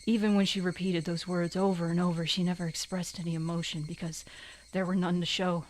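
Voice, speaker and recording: A woman's voice: lowish voice, flat delivery, brisk, darkish tone, close to an everyday voice, low-quality recording. A woman voicing an anguished teenage anime boy, reading visual novel narration dramatically in an anime boy voice. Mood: anguished, brooding.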